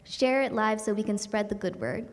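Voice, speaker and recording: A woman's voice: medium pitch, normal speed. Upbeat woman hosting with long reverb. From New York. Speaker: event host. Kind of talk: scripted virtual event hosting. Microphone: livestream setup.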